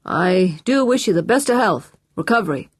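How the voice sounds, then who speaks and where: A woman's voice: on the low side, lively intonation, normal speed, slightly rough, no room sound, studio quality. A woman voicing a cool, guarded man who answers in clipped, polite phrases. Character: cool, guarded adult man under threat.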